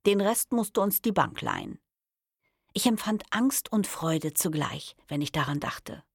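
Woman narrating an audiobook, low and gravelly, lively pitch, close, dry studio sound. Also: unhurried, no room sound. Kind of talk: first-person novel narration.

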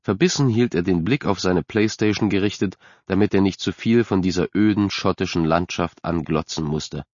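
A man reading a story aloud in a steady, measured way as an audiobook narrator. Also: low voice, no echo. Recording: dry, slightly dull recording.

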